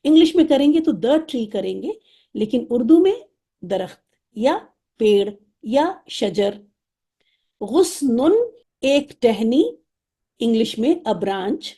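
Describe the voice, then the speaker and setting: A woman, teaching an Arabic lesson and going over vocabulary with patient repetition. Her voice sits high but sounds warm and slightly husky. She mixes English terms into her explanations. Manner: patient, repeats each word slowly, mixes English terms into Urdu.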